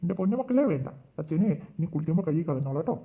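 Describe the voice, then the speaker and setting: A man voicing a gentle, indulgent father in a family cartoon who soothes and gently scolds his kids. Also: fairly high pitch, very animated, racing. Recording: tinny phone-like, faint noise.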